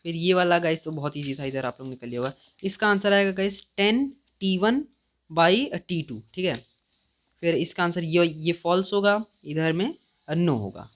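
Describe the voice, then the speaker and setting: A man's voice: fairly high pitch, expressive, normal speed. A teenage boy talking casually through his exam answers, thinking aloud with fillers and self-corrections. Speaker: student reviewing an exam paper.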